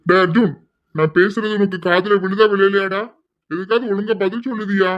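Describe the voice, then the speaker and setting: A man's voice: sits high, fairly even intonation, fairly quick, lightly acted. A man doing a bossy, scolding father. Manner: scolding, demanding answers. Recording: slightly dull lo-fi audio.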